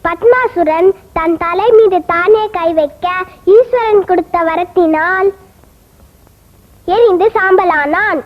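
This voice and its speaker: A devout storyteller. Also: female voice, extremely high pitch. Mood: solemn. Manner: slow, solemn storytelling. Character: devout woman telling a holy legend. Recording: dull lo-fi film soundtrack.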